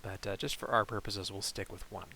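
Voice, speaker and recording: A man teaching chemistry in a recorded online lecture, explaining in a relaxed way with frequent fillers. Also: lowish voice, brisk, creaky, low-quality recording.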